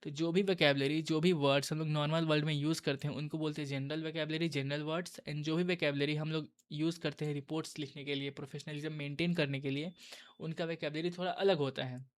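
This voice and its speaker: A young man tutors students for an exam in a relaxed, chatty way, calling his viewers bro. His voice sits a touch high for a man and stays fairly level. It sounds like a voice-over made while recording his screen. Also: fast talker. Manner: casual, addresses viewers as bro. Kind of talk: casual exam-prep lesson.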